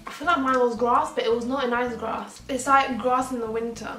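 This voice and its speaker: A woman's voice: fairly high pitch, fairly even intonation, brisk, a bit bright, distant mic. A young woman bantering casually and teasingly while eating jelly beans. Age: young adult. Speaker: guest in a challenge video. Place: living room, on a sofa. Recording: echoey room, faint music.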